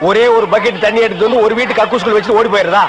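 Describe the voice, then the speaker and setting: A man's voice: high-pitched, steady tone, music in the background, close to an everyday voice. A man acting a bossy, mocking water-tanker boss in a comic film scene, ordering his helper around. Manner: bossy, fast-talking, mocking. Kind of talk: 1990s Tamil film comedy. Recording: outdoor street crowd and noise.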